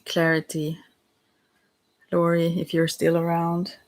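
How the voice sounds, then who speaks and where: A soft-spoken ASMR tarot reader who talks gently and directly to the listener, meandering through pauses and restarts. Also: mid-range voice, completely flat delivery.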